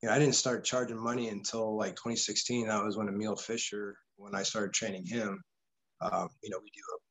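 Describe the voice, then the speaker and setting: A man's voice: lowish voice, level tone, a little fast, a bit bright, poor audio. A man who coaches grappling, a guest on a podcast, talking candidly in a rambling, profane way. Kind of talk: casual interview chat.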